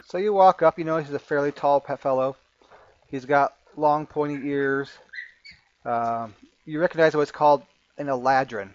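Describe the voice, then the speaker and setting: As game master of a tabletop game, a man with a fairly high voice narrates in a halting way, often repeating words as he thinks things through. The recording sounds muffled.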